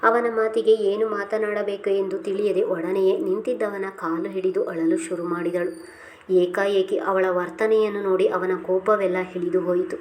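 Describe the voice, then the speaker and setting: A woman reading a serialized romance novel aloud in a steady, unhurried way. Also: mid-range voice, slight background noise. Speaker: narrator.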